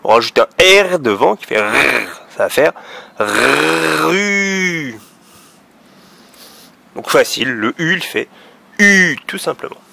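A man's voice: medium pitch, very animated, moderate pace, vocal fry, pushed and bright, breathy edge. A man teaching young children letter sounds, patiently drawing out each sound. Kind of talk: phonics lesson for young children.

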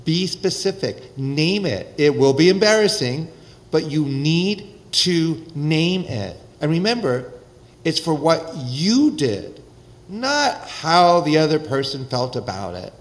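An older man, a rabbi, preaching a sermon at a podium microphone in a synagogue, animated and wry, with lively gestures. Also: fairly high pitch, slow pace, low-quality recording. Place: synagogue sanctuary, indoors.

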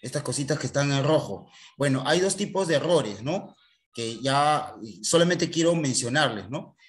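A man teaching a computer class in an online recording. He talks straight to his students and keeps checking with a quick "¿ya?". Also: medium pitch, animated.

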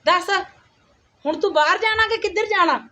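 A woman's voice: extremely high pitch, normal speed, pushed and bright, voice pushed up. Woman playing a spiteful, scheming stepmother. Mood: coaxing. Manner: taunting, scolding, wailing "haye haye". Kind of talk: Punjabi village skit acting.

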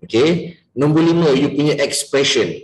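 A man's voice: a little high, animated, normal speed, roomy sound, low-quality recording. A Malaysian man running an interactive business coaching class, mixing English into Malay and quizzing his students by name.

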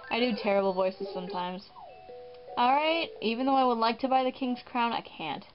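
A woman's voice: on the high side, normal speed. Chatty woman over game music. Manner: chatty, rambling, self-mocking. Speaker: gaming video host. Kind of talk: casual gameplay commentary. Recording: muffled, with game music behind.

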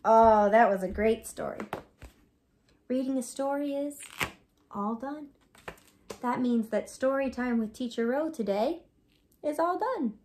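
A woman teacher reading a storybook to children, gently and with soft asides. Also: fairly high pitch, a little slow, pauses often, slight background noise.

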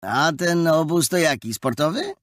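A man voicing a loud, mocking teenage boy bully in an audiobook, with jeering sing-song taunts. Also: a little high, big pitch swings, normal speed, no echo, clean studio sound, voice pushed up.

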